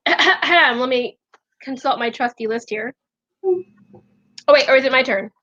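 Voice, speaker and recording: A woman's voice: high voice, animated, measured pace, sharp tone, lo-fi sound. A woman chatting casually and playfully, laughing often and humming snatches of songs. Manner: giggly, playful, hums song lines. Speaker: co-host. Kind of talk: casual chat, singing snippets.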